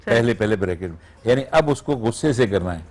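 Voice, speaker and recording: A man's voice: lowish voice, animated, fairly quick, a little mellow. A man, a radio voice artist, explaining his craft step by step as a guest on a TV morning show and checking that he is understood. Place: TV studio.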